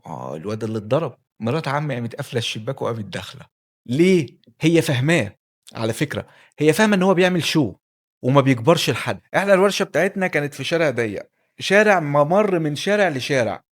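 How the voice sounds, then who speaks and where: A man's voice: fairly high pitch, big pitch swings, quick pace. A man with an Egyptian Arabic accent telling a personal life story as a candid, conversational monologue, speaking straight to the listener.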